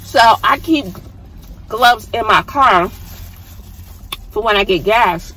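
A middle-aged mother hosts a casual food review vlog from a parked car, chatting, explaining and asking follow-up questions into a phone camera mounted on the dashboard. Her husky voice sits on the high side, slow, bright and forceful with lively intonation, in a low-quality recording.

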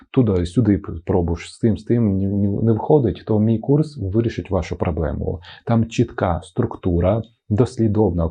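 Male language teacher, casual lesson; very low, dark voice; playful, demonstrates intonations. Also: breathy edge. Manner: playful, acts out intonations of example words; promotes his own course.

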